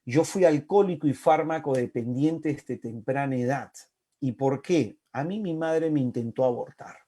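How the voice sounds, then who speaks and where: A man in his forties from Peru, giving an impassioned preaching talk with slow, emphatic repetitions and sudden soft asides. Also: medium pitch, slightly rough. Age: 40s. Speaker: speaker at a faith-based family talk.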